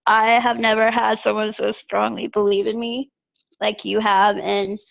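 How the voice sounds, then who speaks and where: A woman's voice: mid-range voice, level tone, measured pace, gravelly. A young woman on a video call, speaking in an emotional, casual way with lots of filler words. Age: young adult. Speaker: team member. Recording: muffled lo-fi call audio.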